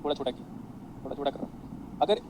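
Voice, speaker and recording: A male teacher runs an online physics class, talking quickly in a fairly high voice. He wanders off into side stories and mixes in English terms. A faint hum sits under his voice. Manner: chatty, digressive, mixes Hindi and English, calls students beta.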